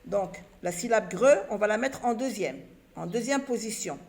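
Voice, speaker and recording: A woman's voice: mid-range voice, expressive, moderate pace, darkish tone. A woman teaching a children's reading lesson, patiently sounding out syllables and letters one by one and answering her own questions. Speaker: primary school teacher.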